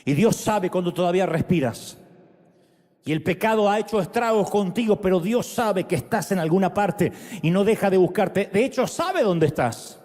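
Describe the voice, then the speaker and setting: A man as pastor leading a sermon's altar call and prayer, fervent and repeating words in rising shouts. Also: high voice, lively intonation, normal speed. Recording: long hall reverb.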